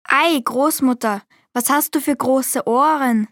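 A woman's voice: sits high, slow, no room sound, clean studio sound, voice pushed up. A woman voicing an innocent, trusting little girl who speaks earnestly. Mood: wondering. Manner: bright, earnest and guileless.

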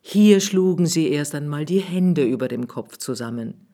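A woman reading a children's story aloud in an expressive way, with soft whispered asides. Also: low voice, normal speed.

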